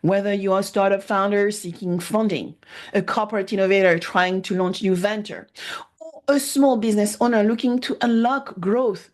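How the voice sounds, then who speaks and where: Woman host, measured interviewer, mid-pitch. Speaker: podcast host. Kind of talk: podcast interview introduction and questions.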